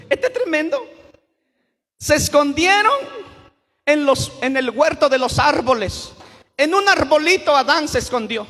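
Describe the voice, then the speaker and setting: A male pastor delivering a sermon, breaking into sudden shouts for emphasis. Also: very high-pitched, big-room sound.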